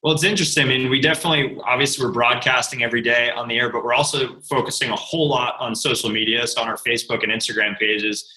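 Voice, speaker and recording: Bright-voiced easygoing radio DJ in an echoey room. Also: male voice, medium pitch, fairly even intonation, fast talker, few pauses. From Rhode Island, USA. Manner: easygoing storyteller, laughs often. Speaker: country radio DJ, guest. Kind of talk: casual interview chat.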